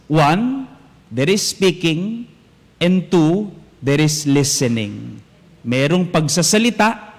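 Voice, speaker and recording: A young adult male priest giving an animated homily, telling a story and switching between languages as he acts out what people said. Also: fairly high pitch. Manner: animated, mixes languages, acts out quoted voices. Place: large church. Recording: echoey church with long reverb.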